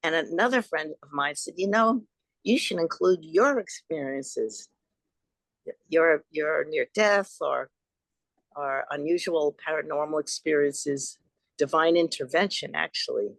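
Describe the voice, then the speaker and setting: Speaking unhurriedly in a low-pitched voice, an older author from Long Island, New York, recounts personal experiences as an interview guest over a video call. She is earnest and rambling, and there is no echo.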